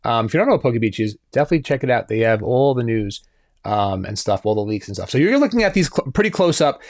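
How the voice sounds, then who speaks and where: A man's voice: mid-range voice, sing-song, fast, darkish tone, dry recording, studio quality. A man co-hosting a casual podcast, talking loosely with lots of fillers and restarts. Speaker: podcast co-host.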